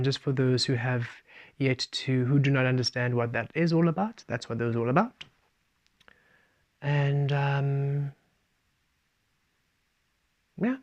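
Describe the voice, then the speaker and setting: A man giving a spiritual talk, speaking of himself as "we" and shifting between playful and calm. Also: mid-range voice. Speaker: spiritual teacher. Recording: dull lo-fi recording.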